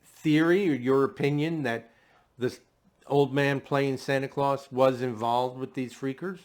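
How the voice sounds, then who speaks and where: A man's voice: medium pitch, steady tone, measured pace. A man hosting a casual interview, who halts and restarts his words at the start of his remarks. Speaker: podcast host.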